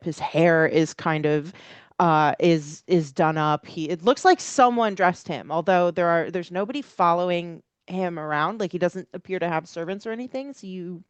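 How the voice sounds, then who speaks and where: A woman narrates a tabletop game as game master in a fairly low, clear voice. She builds descriptions hesitantly, improvising as she goes. The recording is dry and close. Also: no room sound.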